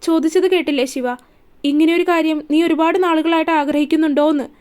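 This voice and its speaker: A woman's voice: high voice, fairly even intonation, fast talker, a little mellow, close to an everyday voice. A woman reading the lines of a young husband in a storybook romance, firm and scolding by turns, tender at other times. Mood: stern. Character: young husband, caring but stern.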